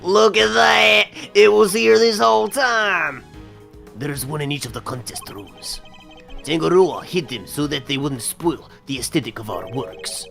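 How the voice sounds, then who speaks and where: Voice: mid-range voice, expressive, moderate pace, faint music behind, close to an everyday voice. A performer voicing a bumbling, cheerful male detective sidekick in an improvised comedic fan dub, goofy and eager.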